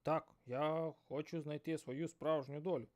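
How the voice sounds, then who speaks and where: Storybook hero: earnest young fisherman, read by a male narrator, slightly raised pitch. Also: steady tone, unhurried, a little mellow, lightly acted. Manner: earnest, determined.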